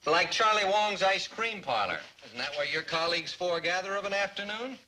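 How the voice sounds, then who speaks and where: A man's voice: high voice, lively intonation, fairly quick, pushed and bright, heavily acted. An actor playing a pompous, long-suffering male schoolteacher in an old TV sitcom, with formal, florid diction. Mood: exasperated. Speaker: teacher. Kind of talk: 1950s-60s TV sitcom acting. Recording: faintly noisy old TV soundtrack.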